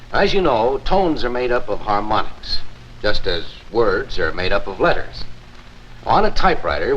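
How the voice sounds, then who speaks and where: An actor playing a courteous, confident church organist, explaining in a formal, measured 1950s narrator manner for a promotional film. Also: male voice, mid-range voice, fairly bright tone. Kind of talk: 1950s promotional film acting, scripted demonstration. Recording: muffled, noisy 1950s film soundtrack.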